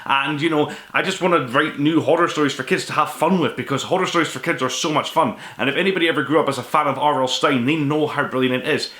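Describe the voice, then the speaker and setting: A man in his twenties or thirties hosts his own show, reviewing a book to camera in a casual, rambling, self-deprecating and informal way. His voice sits on the high side, pushed and bright, and he talks fast with few pauses. The room is echoey.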